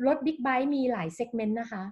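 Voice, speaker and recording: Woman interview guest with a high voice, animated and persuasive, keeps asking "right?". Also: moderate pace. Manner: lively, persuasive, checks in with "right?" often. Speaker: guest, managing director of a design firm. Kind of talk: explanatory interview talk.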